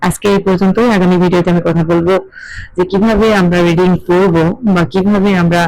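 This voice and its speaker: Gravelly-voiced woman teaching. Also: fairly low pitch, level tone, darkish tone, no room sound, poor audio. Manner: measured, questioning teacher's explaining. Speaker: English teacher. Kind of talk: explanatory video lesson.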